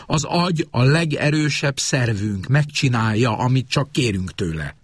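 A man's voice: mid-range voice, lively intonation, breathy edge, no echo, studio quality, voice pushed up. A man voicing a preachy young adult daughter who lectures insistently. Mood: lecturing.

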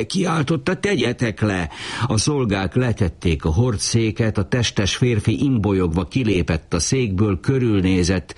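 Husky low male audiobook narrator. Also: a little mellow. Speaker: audiobook reader. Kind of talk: scripted narration of a novel.

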